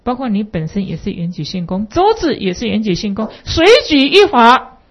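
A woman's voice: mid-range voice, big pitch swings, brisk, slightly rough. A woman giving a Buddhist dharma lecture with anecdotes, rambling with many fillers and rhetorical questions, on a dull lo-fi recording.

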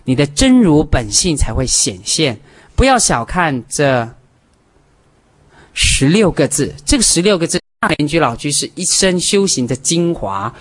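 A man teaching a Buddhist gathering, talking emphatically and counting off practical points one by one. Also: fairly high pitch. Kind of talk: Buddhist dharma talk to a gathering.

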